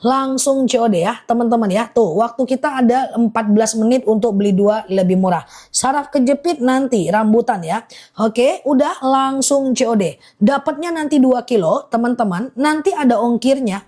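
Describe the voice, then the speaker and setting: A woman selling honey in a live stream, chatting in a reassuring, repetitive way and slowing down to list items one by one. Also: on the high side, dark tone. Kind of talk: live-selling sales pitch.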